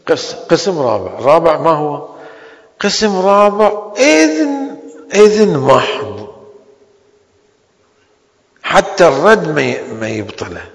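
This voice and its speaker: A man teaching a seminary law lecture. He stretches out key terms slowly and then rushes through quick asides. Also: on the high side, wildly swooping pitch. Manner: slow, drawn-out stresses on key terms with sudden quick asides. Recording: long hall reverb.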